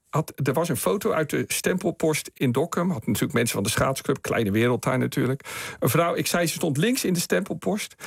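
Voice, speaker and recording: A man's voice: on the high side, vocal fry, breathy edge, no echo. A man, a studio guest on night radio, telling a long anecdote and acting out the people in it. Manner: animated storyteller acting out quoted people.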